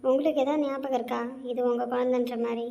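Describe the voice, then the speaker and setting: A woman's voice: sits high, fairly even intonation, fast, gravelly, warm tone. A woman playing a young wife and mother who speaks tearfully and pleads in an amateur audio drama. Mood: cold.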